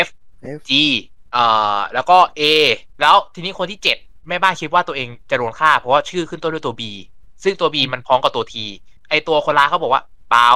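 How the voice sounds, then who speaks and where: A man's voice: medium pitch, sharp tone, no room sound. A man chatting casually as a podcast panelist, retelling plots at length and acting out lines. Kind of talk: casual chat.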